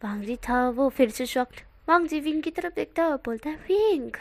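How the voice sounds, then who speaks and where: A woman telling a fan fiction story in a loose, unscripted way. She corrects herself mid-sentence and keeps moving. Her voice sits high. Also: fairly quick, darkish tone. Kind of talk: casual story narration.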